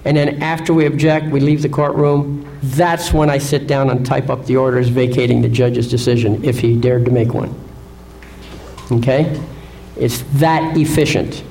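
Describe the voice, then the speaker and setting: A man's voice: mid-range voice, steady tone, moderate pace, creaky, a little mellow, rough recording. A man lecturing an audience in an assertive way, often asking rhetorical questions and checking in with "Okay?". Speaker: seminar speaker.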